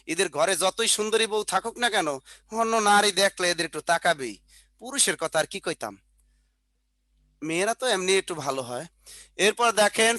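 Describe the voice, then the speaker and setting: A man's voice: high voice, sharp tone, dry recording. A man teaching an online class over a video call, dictating notes, repeating points, with colloquial joking asides. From Bangladesh.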